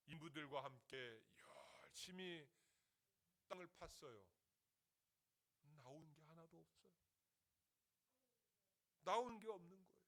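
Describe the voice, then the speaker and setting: Lively, bright-voiced male preacher. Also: medium pitch. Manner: animated storytelling with rhetorical questions. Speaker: senior pastor. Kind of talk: sermon.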